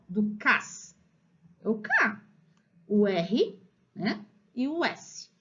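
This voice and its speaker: Lively Brazilian woman teaching literacy. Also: on the high side. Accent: Brazilian Portuguese. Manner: lively, drawn-out slow spelling of syllables. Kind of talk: explanatory lesson for parents. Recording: slightly dull lo-fi recording.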